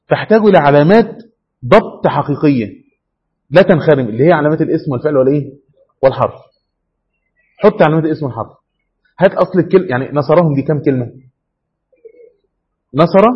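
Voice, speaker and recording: A man's voice: fairly high pitch, quick pace, pauses often, breathy edge. A man with an Egyptian Arabic accent teaching a class as a sheikh, quizzing students and repeating himself to make them focus. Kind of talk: classroom lesson with questions to students. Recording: dull lo-fi classroom recording.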